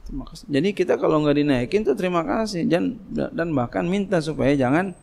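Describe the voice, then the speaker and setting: Gravelly-voiced man lecturing casually. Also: fairly high pitch, lively intonation, brisk, darkish tone. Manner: conversational, repeats phrases, asks rhetorical questions. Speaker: Islamic boarding school teacher. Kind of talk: religious lecture.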